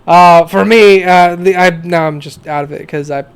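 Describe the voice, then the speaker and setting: A man's voice: high voice, fairly even intonation, moderate pace, clear, resonant tone. Hesitant man running a tabletop game. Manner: hesitant, full of fillers. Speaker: game master.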